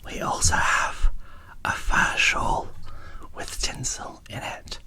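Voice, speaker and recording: A woman whispers softly and breathily at an unhurried pace. She's hosting an ASMR doll unboxing video, describing the small details as she goes.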